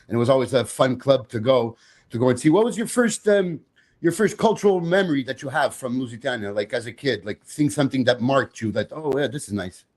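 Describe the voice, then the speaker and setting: A man of middle pitch hosting a casual podcast interview. He stumbles and repeats words as he works toward each question, keeping the tone relaxed. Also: fairly quick. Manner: stammering repeats, laughs along. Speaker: podcast host.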